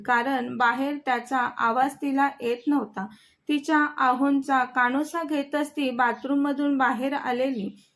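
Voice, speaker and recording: A woman reading a romantic story aloud as a storyteller, with soft dramatic delivery. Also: sits high. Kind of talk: scripted story narration.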